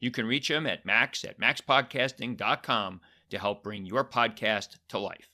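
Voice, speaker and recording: This male podcast host has a fairly low voice that sounds pushed and bright, delivered at normal speed. After reading a cheerful scripted opening, he chats casually with a guest, sometimes stumbling over filler words.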